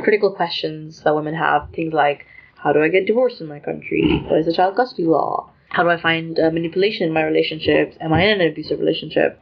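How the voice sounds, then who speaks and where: A woman in her late twenties from Pakistan, talking as a podcast guest with a gravelly, fry-edged voice. She is chatty and self-deprecating and quick to laugh. The audio is dull and lo-fi, like a remote call. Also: deep voice. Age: 20s. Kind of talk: podcast interview.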